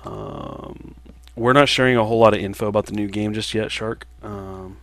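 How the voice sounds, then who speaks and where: A game developer in his thirties chats casually on a livestream while playing, answering viewer questions in a relaxed, halting way full of fillers. His voice is on the low side, with no echo.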